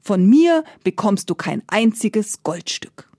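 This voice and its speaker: A woman playing a greedy, stubborn rich merchant who scoffs and flatly refuses to pay. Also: medium pitch, takes it slowly, no echo, studio quality. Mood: scornful. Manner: scoffing and dismissive.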